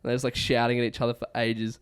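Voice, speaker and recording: A young man with a medium-pitched voice chats on a casual podcast. He tells stories in a loose, teasing way and laughs at his own jokes. His talk is relaxed and conversational. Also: fast talker, clean tone. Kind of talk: casual storytelling chat.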